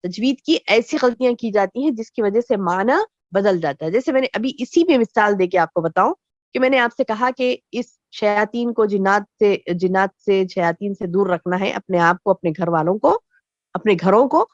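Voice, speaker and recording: A woman religious teacher giving a lecture to women, explaining slowly with repeated phrases and rhetorical questions. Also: mid-range voice, animated, no echo, lo-fi sound.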